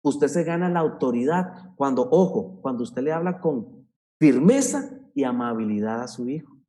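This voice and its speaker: Male speaker, mellow dark voice, emphatic teaching talk for parents. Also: mid-range voice, very animated, moderate pace. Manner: earnest, emphatic, repeats key points.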